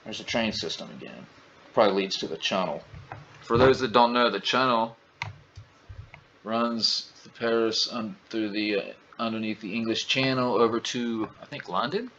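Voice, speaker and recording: A man's voice: lowish voice, moderate pace, fairly bright tone, slight background noise. A man, casually joking and exclaiming through flight simulator commentary. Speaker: gaming channel host. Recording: dull lo-fi audio, faint ambience.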